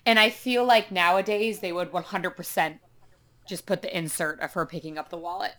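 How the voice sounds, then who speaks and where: A woman's voice: on the low side, fairly even intonation, fairly quick, fairly bright tone. A woman guesting on a podcast, chatting in a casual millennial way.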